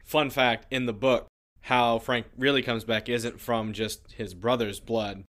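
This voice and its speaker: Calm, amused man hosting a chat. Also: mid-range voice, measured pace. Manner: calm, amused, offers trivia. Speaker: podcast host. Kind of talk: casual chat.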